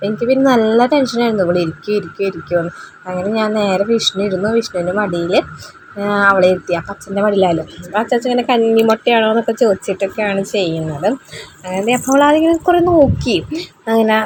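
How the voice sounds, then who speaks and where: Young mom rattling off a travel vlog story super fast, chatty and rambly, mid pitch. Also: female voice, slight background noise, poor audio. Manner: chatty, rambling, lively storytelling with asides to the viewer. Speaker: travel vlogger, mother. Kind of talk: casual vlog voice-over narration.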